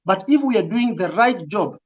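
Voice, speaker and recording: A man's voice: high voice, lively intonation, moderate pace, dull audio, slight background noise. A man with a Kenyan accent giving interview answers in casual, code-switching talk, earnest and emphatic, repeating phrases for stress. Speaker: recruitment agency representative, interview guest.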